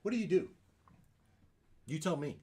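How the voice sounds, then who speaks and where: A man working as game master, narrating a tabletop game in a halting, conversational way. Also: a little high, lively intonation, darkish tone.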